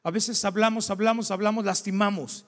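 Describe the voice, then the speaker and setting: A man's voice: sits high, fairly even intonation, brisk, fairly bright tone. A man preaching a sermon as pastor, talking conversationally and keeping his congregation engaged with frequent questions. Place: church hall. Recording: long church-hall reverb.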